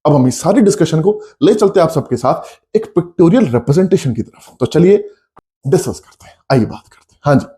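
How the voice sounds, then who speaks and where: Man teaching a math class, animated swooping pitch, mellow tone. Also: brisk. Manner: lively, coaxing, addresses students as beta, acts out their questions. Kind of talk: coaching class lecture.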